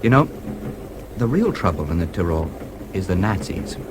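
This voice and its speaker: Low-pitched and very animated at a moderate pace, this male actor voices a confident, genial American newspaperman in a radio drama, using an American accent. He explains things breezily and self-assuredly, over clear background noise.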